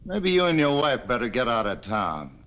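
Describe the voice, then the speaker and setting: A man's voice: medium pitch, sing-song, normal speed, a bit bright. A blunt, accusing townsman, stern and unfriendly. His voice sits on a muffled vintage TV soundtrack. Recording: dull 1950s TV soundtrack.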